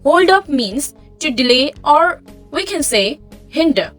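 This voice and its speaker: A young Indian woman teaching English vocabulary, repeating each word slowly and mixing in Hindi explanations. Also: high voice, sing-song, faint music behind. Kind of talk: slow dictation-style vocabulary lesson.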